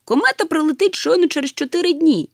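A woman voicing a calm, easygoing young male wanderer in a storybook, unhurried and reflective. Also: high voice, no echo, studio quality, voice pushed up. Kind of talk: storybook reading.

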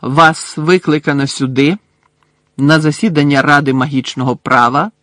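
Give me a man as a stern older judge who shouts formal charges, with a slightly high voice. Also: fairly even intonation, moderate pace, no room sound, natural voice. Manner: loud, shouting, clipped formal speech. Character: stern older male judge, cold and furious.

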